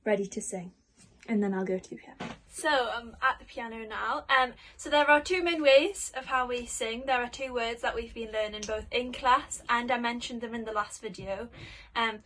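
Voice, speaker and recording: A woman with a somewhat high-pitched voice leads a vocal warm-up lesson. She talks directly to young learners, explaining each step in simple words with an encouraging manner. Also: poor audio. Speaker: singing teacher. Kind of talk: warm-up lesson, spoken instructions to camera.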